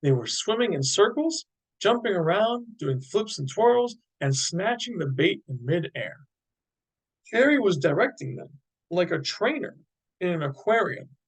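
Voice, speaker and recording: A man's voice: sits high, very animated, a little slow, husky, low-quality recording. Man narrating his own novel. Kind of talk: audiobook narration.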